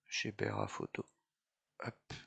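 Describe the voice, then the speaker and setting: Slow, unhurried man walking through code for a tutorial, halting as he thinks aloud. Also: sharp tone. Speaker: software trainer. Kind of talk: screen-recorded coding tutorial.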